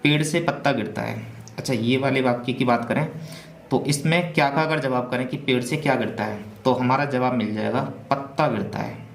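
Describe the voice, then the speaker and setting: A man's voice: mid-range voice, moderate pace. A man teaching a Hindi grammar revision class, asking questions and answering them himself. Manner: asks and answers his own questions. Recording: echoey room with faint hum.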